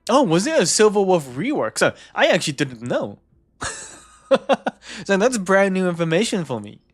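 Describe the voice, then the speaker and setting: A man's voice: high voice, very animated, normal speed. A young man with a New Zealand accent chatting casually with stream viewers, easygoing, chuckling often and repeating words. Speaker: game streamer.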